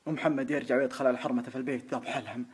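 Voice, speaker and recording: A man telling a comic history story, animated and acting out every character. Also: mid-range voice, racing, husky.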